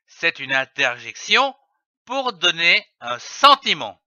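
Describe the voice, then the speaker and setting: A man teaching a reading lesson, spelling out syllables slowly and clearly with emphatic delivery. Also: fairly high pitch, very animated, bright, forceful tone, no room sound, muffled recording. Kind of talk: slow, deliberate reading lesson.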